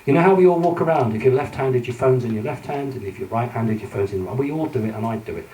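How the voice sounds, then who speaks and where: Man, conference speaker, mellow tone, hesitant fillers, recorded from a distance in an echoey hall. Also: mid-range voice, fast talker, a little hiss or hum. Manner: earnest, hesitant with frequent fillers. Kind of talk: conference lecture with slides.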